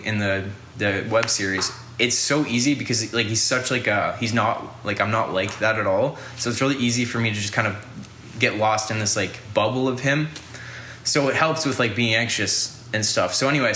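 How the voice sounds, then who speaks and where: A man's voice: medium pitch, bright, forceful tone, slight background noise. Rambling young man, echoey room. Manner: rambling, lots of "like" fillers and swearing. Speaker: podcast host. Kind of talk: casual storytelling.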